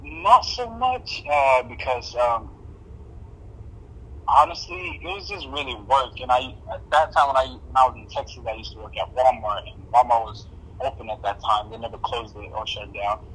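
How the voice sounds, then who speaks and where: A man's voice: medium pitch, animated, moderate pace, fairly bright tone, husky, poor audio. Hesitant young man from Somalia. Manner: hesitant, many fillers and restarts. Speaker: interviewee. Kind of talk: casual oral history interview.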